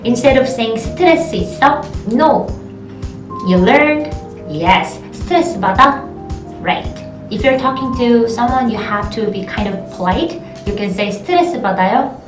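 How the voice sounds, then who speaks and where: A young woman with a Korean accent teaching an online language lesson, encouraging and repeating phrases slowly for practice. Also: fairly high pitch, animated. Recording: roomy, distant mic, faint music.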